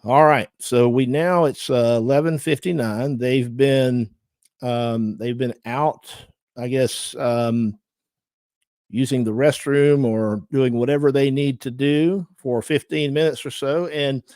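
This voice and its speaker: A man's voice: medium pitch, steady tone, takes it slowly, darkish tone, dry recording, clean studio sound. Southern man hosting a casual livestream. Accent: Southern US, Georgia. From Georgia, USA. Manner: chatty, thanks viewers, frequent fillers. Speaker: livestream host and lawyer.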